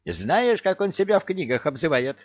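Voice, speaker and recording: A man voicing a loud, hysterical male parrot who squawks, gossips and brandishes threats. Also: high voice, animated, moderate pace, no room sound, lo-fi sound, voice pushed up. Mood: gossiping.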